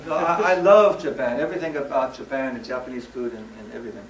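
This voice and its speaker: A man from the West Coast of the United States giving a lively, joking stage presentation in plain, simple English. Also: mid-range voice, quick pace, a little hiss or hum. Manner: lively, jokey, simple English for a Japanese audience. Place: large hall, recorded from afar. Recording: echoey hall, far from the mic.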